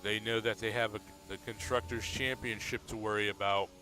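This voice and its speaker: A man commentating a sim racing league race in a relaxed, steady play-by-play manner. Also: fairly low pitch, fairly quick, soft background music. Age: adult.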